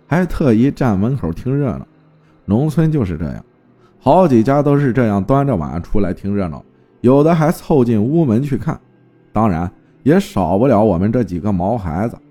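Expressive male storyteller, mellow tone. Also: mid-range voice. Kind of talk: spoken folk ghost story narration.

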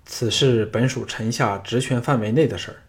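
A man playing an upright commander in a storybook reading, speaking close to the narrator's own mid-pitched voice. He reports to the throne formally and with quiet self-assurance. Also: normal speed, natural voice. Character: bold male general, upright and self-assured. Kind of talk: audiobook character voicing.

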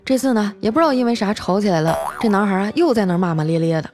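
A woman's voice: mid-range voice, animated, very fast, darkish tone, faint music behind. Chatty young woman telling comic stories. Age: young adult. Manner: chatty, many filler particles. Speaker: comedy storyteller. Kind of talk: comic story narration.

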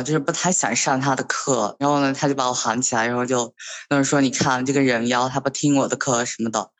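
A sixteen-year-old boy telling a personal story in a hesitant, halting way, with many fillers. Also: medium pitch. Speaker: story guest.

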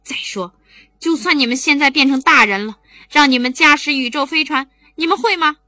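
A woman's voice: sits high, normal speed, pushed and bright, dry recording, clean studio sound, pitched above the performer's own voice. A woman voicing an exasperated mother scolding her children in a bedtime story.

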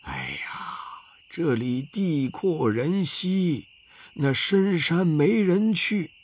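A man's voice: on the high side, sing-song, breathy edge, full character voice. A man voicing a timid but proud old village elder who sighs and drags out his exclamations. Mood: complaining. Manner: sighing, drawn-out exclamations. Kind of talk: children's storybook narration.

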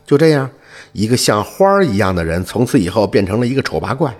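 A man telling a folk tale in an expressive, animated way, with dramatic rises and falls. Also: on the low side, fast. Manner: animated, expressive, rising and falling. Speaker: storyteller.

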